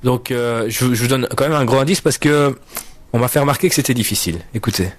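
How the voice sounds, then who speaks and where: A man's voice: mid-range voice, quick pace, a little hiss or hum. A man hosting a casual radio show. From Belgium. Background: music.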